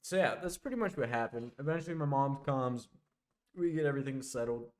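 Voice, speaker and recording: A young man telling a casual storytime monologue, rambling and backtracking, often dropping into quieter asides. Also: mid-range voice, lively intonation, brisk. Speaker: vlogger.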